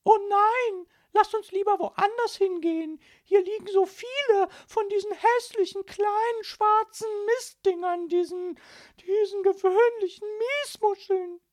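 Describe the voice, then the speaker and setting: A woman voicing a fussy, snooty mother who scolds her child on a beach, in a shrill, disgusted, bossy manner, as an audiobook character. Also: unhurried, few pauses, a little mellow.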